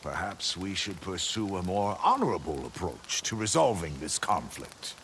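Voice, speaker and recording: A male actor plays a good-hearted but pompous and bumbling knight in a video game, speaking in a florid, theatrical way full of flustered hesitations. His low voice is expressive and a bit bright, delivered at normal speed with slight background noise, and he sounds flustered and hesitant.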